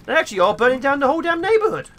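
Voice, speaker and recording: A man's voice: very high voice, rapid-fire. A man giving playful, theatrical gameplay commentary as a gaming video host. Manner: excitable, theatrical.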